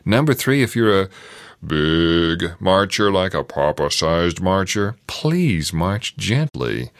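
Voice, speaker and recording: A man's voice: low voice, sing-song, slow. A man hosting a children's march with playful commentary, encouraging the marchers as he calls out names and step commands. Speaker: children's march leader and host. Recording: loud brass march music behind the voice. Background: loud brass band march music.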